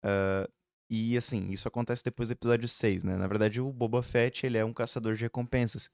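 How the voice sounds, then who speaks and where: Recorded with studio quality and no echo, the man's mid-range voice stays fairly flat in pitch while moving fairly quickly, creaky yet smooth with a darkish tone. He's a vlogger in his early twenties, rambling chattily at home with plenty of fillers and tag questions.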